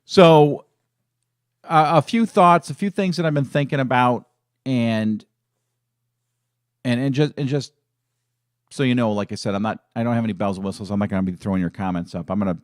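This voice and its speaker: A man's voice: medium pitch, normal speed, pauses often, dry recording, clean studio sound. A middle-aged man hosting a fan live stream, talking in a casual, emotional and rambling way with many restarts. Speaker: fan channel host.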